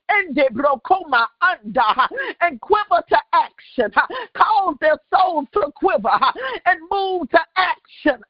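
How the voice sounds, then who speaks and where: A high-pitched woman minister declares a prophetic prayer, moving between tongues and proclamations in a slow, chanting, repetitive delivery that keeps breaking into shouts. The recording is dry and dull, with a lo-fi sound. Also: dry recording.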